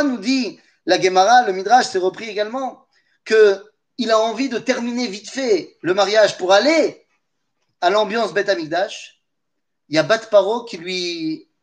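A man giving a lesson as lively storytelling, with humorous asides and questions to his listeners. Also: high-pitched. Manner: animated, humorous asides, talks to listeners directly. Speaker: teacher of Torah.

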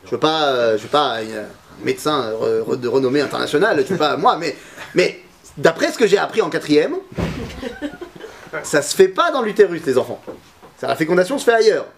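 Guy teaching a torah class, lots of questions to the room, voice a bit high and very animated. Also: fairly quick, creaky. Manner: lively, questions the class, mixes in Hebrew terms. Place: classroom with students.

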